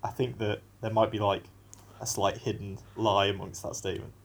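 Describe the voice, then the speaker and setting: A man's voice: on the low side, steady tone, moderate pace, vocal fry. A man co-hosting a casual podcast, playful and giggly, often second-guessing himself. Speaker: podcast co-host. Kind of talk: casual chat.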